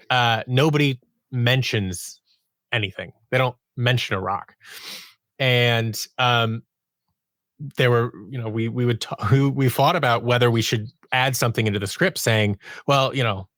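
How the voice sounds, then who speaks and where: A man with a medium-pitched, slightly bright voice speaks at normal speed in a dry recording. He's a podcast guest, an audio drama producer and sound designer, telling conversational stories about his creative work and acting out quoted dialogue.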